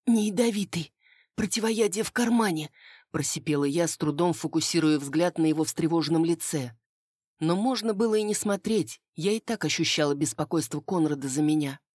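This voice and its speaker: A woman narrating a first-person fantasy audiobook in a steady storytelling manner. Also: low voice, moderate pace, no room sound, studio quality.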